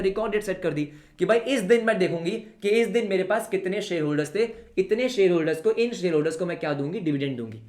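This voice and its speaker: A young man is teaching a live online commerce class in Hinglish. His voice sits high for a man, and he keeps throwing rhetorical questions at his students, calling them beta. The sound carries a noticeable echo from the room. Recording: echoey room.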